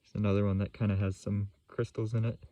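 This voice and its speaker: Casting: young adult male vlogger, low laid-back voice, casual commentary, dry close sound. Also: flat delivery, fast, warm tone, no echo. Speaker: rock hunting vlogger. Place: outdoors in a yard and rock field, or inside a parked van. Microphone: phone at arm's length.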